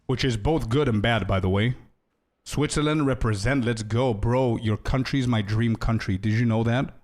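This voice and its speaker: Talking at normal speed with a darkish tone, this young streamer's voice rests at an ordinary middle pitch. He chats easily with his viewers during a game, addressing them as "bro" and slipping into side stories.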